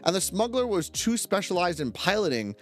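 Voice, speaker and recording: Animated man ranting between story reads. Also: sits high, fairly quick, faint music behind. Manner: animated, swears, goes off on rants and tangents; stumbles and corrects himself while reading. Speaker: streamer reading stories. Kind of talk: reading stories aloud with commentary.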